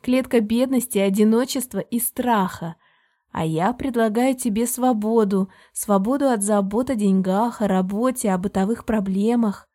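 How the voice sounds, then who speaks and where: A woman voices a controlling man in an audiobook, his tone level and almost kindly. The pressure sits underneath the calm. The voice is mellow and warm rather than bright. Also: mid-range voice, normal speed, lightly acted. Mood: scornful. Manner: even, almost friendly, quietly pressuring. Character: controlling adult man, calm and falsely caring. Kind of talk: audiobook character reading.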